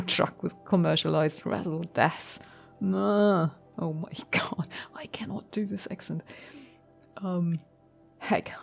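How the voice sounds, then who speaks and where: A woman's voice: medium pitch, creaky, darkish tone, heavily acted. A woman doing a folksy, drawling male coder. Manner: drawling, folksy put-on accent. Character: eccentric male coder who loves death metal.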